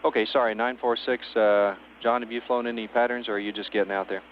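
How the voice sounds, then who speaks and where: A man's voice: medium pitch, steady tone, fast talker. A man working as a spacecraft communicator, speaking in clipped, procedural phrases over a radio link. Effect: radio transmission. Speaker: mission control spacecraft communicator. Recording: dull narrowband radio, faint hiss and hum.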